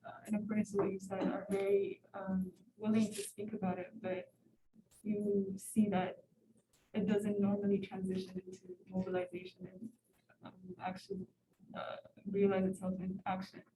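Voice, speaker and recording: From the floor of a university lecture room, an Ethiopian student in her twenties asks a hesitant question, full of fillers and restarts. Her mid-range voice is dark-toned with little pitch movement, at normal speed, with a bit of hiss or hum. She is far from the mic in a roomy hall.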